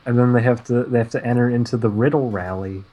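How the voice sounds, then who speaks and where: A man chatting casually on a stream, retelling a cartoon episode in a rambling way with frequent "uh" pauses. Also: medium pitch, fairly even intonation, mellow, poor audio. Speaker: stream co-host. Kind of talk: casual chat recapping cartoons.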